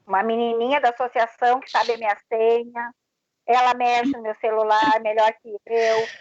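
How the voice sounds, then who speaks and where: A chatty woman with a high voice and a southern Brazilian accent, telling quick anecdotes. Her sound is dry and close, with no room echo, and a little muffled like call audio. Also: level tone. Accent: southern Brazilian Portuguese.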